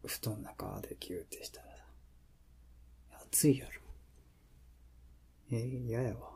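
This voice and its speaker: A man acts out an affectionate young boyfriend with a Kansai accent in an intimate pillow-talk role-play. His voice is breathy and husky, and he takes his time over each phrase. He teases softly and playfully, like someone lying close in bed. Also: mid-range voice, unhurried, in a whisper, heavily acted. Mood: sleepy, teasing. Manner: soft, playful, breathy murmuring with chuckles.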